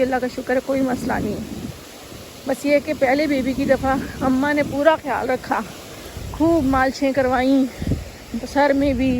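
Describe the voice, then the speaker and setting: Chatty woman vlogging on a walk. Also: high voice. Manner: chatty, breathing hard while walking uphill. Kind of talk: casual vlog while walking. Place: outdoors in a German village. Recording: faint outdoor background noise.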